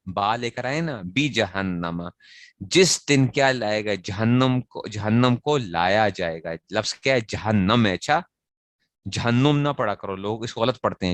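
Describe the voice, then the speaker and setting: Low-voiced male teacher, dry sound. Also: no room sound. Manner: asks rhetorical questions and answers them, repeats key phrases; recites verb conjugations in a slow chant. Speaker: teacher of grammar to students. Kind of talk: classroom lecture.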